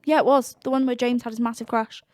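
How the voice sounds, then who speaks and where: A young woman co-hosting a podcast in casual chat, chatty and quick to laugh. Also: a little high, fairly even intonation, darkish tone, dry recording, studio quality. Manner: chatty, laughs often, swears in asides. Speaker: podcast co-host.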